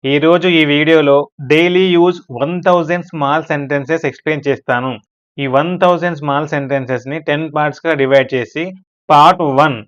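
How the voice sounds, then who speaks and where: A man's voice: fairly high pitch, smooth, muffled recording. A man with a Telugu accent teaching spoken English, reading each short phrase twice with its translation. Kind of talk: slow spoken-English lesson.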